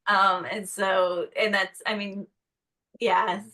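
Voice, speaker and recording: A woman's voice: medium pitch, little pitch movement, slow pace, bright, forceful tone, poor audio. A woman guest from North Carolina in casual conversation, chatty, acting out quotes in a put-on voice. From North Carolina, USA.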